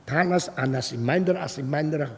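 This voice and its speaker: Preacher telling a story in an echoing hall. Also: male voice, fairly high pitch, normal speed. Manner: animated storytelling, acting out quoted voices. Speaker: pastor. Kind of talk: sermon. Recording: long hall reverb.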